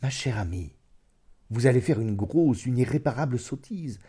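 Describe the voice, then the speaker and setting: Earnest young lover in a storybook, pressing and insistent, dark husky tone, read by a man. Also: mid-range voice, animated, normal speed. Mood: urgent. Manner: urgent, persuasive, rising insistence. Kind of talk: dramatic audiobook reading.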